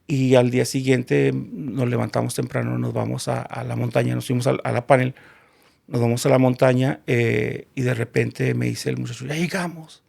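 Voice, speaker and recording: A man's voice: medium pitch, level tone, normal speed, gravelly, a little mellow, slightly rough. A man, a guest in a casual interview, telling a personal story and acting out the dialogue.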